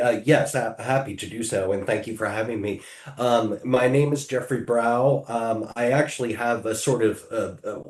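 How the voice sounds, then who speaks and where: Middle-aged American man, low-ish voice, hesitant and filler-heavy, recorded in an echoey room. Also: darkish tone. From United States. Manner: hesitant, many ums and restarts. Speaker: podcast guest, technology attorney. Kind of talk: casual interview answers.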